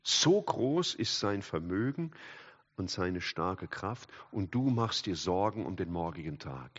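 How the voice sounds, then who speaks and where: An older man preaching a sermon, animated, swinging from loud exclamations to hushed asides and chatting with the congregation. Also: deep voice, a little slow, husky. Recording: dull hall recording with long reverb.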